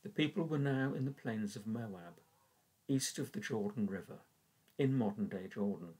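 Older man reading prayers, husky voice. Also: on the low side, animated, darkish tone, low-quality recording. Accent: English. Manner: measured, earnest reading voice. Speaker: church warden leading prayers. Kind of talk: reading and devotional reflection. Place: small room indoors. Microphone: webcam at desk.

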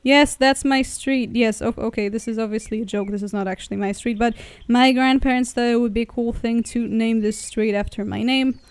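A woman's voice: fairly high pitch, steady tone, fairly quick, few pauses, clean tone, dry recording. A young woman from Poland chatting casually as a travel vlogger while riding in a car through the woods, rambling and correcting herself as she goes. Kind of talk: casual vlog narration.

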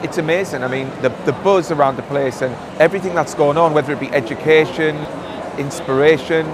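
A hairdresser speaking enthusiastically in a vox pop interview at a trade show. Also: male voice, on the high side, fairly even intonation, a little fast, noisy background.

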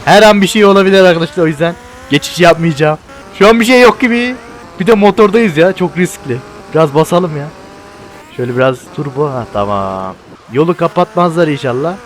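A young man casually commentating a video game, excitable and bantering, often shouting at what happens on screen. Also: a little high, fairly quick, a little hiss or hum. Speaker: gameplay video host.

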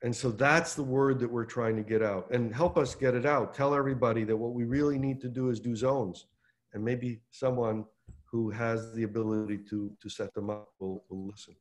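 An older man speaks over a webcam from a room at home, hosting a town hall. His voice sits at an ordinary middle pitch, and he talks in animated bursts that pick up speed when he makes a point. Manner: animated, gestures with his hands, fast bursts. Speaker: host of a town hall on a video call. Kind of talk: explanatory advocacy talk. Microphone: video call webcam.

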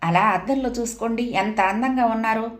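A woman voicing a caring young wife who gently coaxes her husband, read aloud in a storybook. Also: fairly high pitch, fairly quick, roomy sound, lightly acted. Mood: coaxing. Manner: soft, coaxing.

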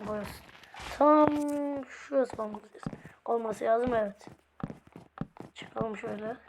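A woman with a hoarse voice giving casual game commentary, chatting to her viewers and to the game's characters as she plays. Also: a little high, background noise. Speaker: gameplay video host.

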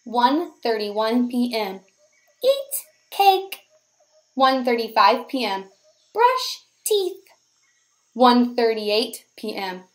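Her voice on the high side, a teacher reads a picture book to young kids. She tells the story deliberately and with plenty of expression.

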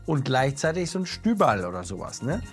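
A German TV restaurant critic hosts a restaurant visit, chatting casually on camera indoors and in the courtyard, recorded on a lapel mic with soft music behind him. His mid-range voice is brisk, chatty and lively, and he tags lots of remarks with "ne?".

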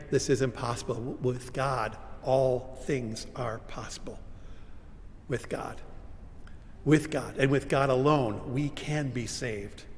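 An older male pastor preaches from a pulpit, swinging dramatically between forceful, loud cries and near-whispers. His mid-pitched voice rings through the long reverb of a large church sanctuary, with a faint room hum underneath.

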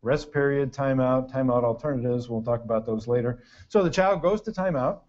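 A man's voice: mid-range voice, brisk, a little mellow. An older man giving a humorous parenting lecture to an audience, with a dry storytelling delivery and punchy lists. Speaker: parenting workshop speaker. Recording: dull lo-fi recording of a talk.

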